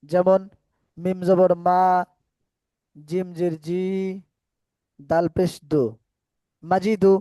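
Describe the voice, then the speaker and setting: This high-pitched male teacher leads an online Quran lesson, explaining letter sounds and vowel marks patiently and step by step, sometimes breaking into slow, stretched-out chanting. His delivery is flat, yet the tone is warm, clear, and resonant. The recording is dry.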